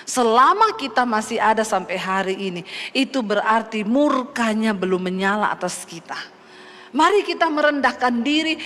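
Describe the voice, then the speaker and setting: High-voiced woman preaching in a hall. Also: fairly bright tone. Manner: preaching with call-and-response and playful asides. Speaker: pastor. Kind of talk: sermon.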